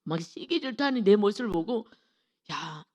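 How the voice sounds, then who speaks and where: A woman preaching a sermon in a church, telling personal stories with lively acted-out quotes and frequent laughs. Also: fairly high pitch, brisk. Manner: laughs often while telling. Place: church sanctuary.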